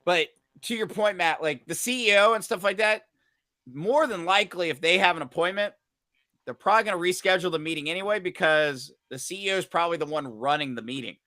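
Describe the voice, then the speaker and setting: A man's voice: high voice, brisk, no room sound. A man co-hosting a casual talk radio show, swearing freely and acting out mocking impressions of other people. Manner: profane, animated, mocking impressions. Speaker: podcast co-host, former teacher.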